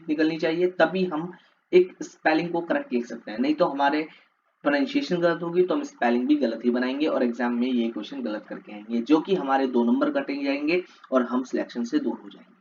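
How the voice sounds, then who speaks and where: A male teacher giving an exam-prep lesson, drilling words with repeated call-and-response questions. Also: fairly high pitch. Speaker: English teacher. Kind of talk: classroom lecture for exam prep. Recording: slightly dull lo-fi audio with faint hiss.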